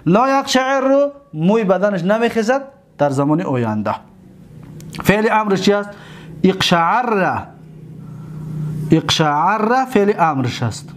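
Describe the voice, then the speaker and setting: A man with a Tajik accent teaching grammar, drawing out and repeating each word form slowly for his students. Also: high voice, very animated, slight background noise. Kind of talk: grammar lecture.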